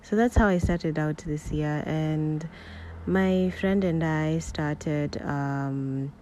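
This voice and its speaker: A woman's voice: deep voice, takes it slowly, mellow. A woman in her twenties with a Kenyan accent, chatting candidly and unscripted as a solo podcast host. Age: 20s. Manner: candid, conversational, rambling. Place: at home next to a road. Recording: noisy home recording beside a road. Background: faint street noise, passing cars.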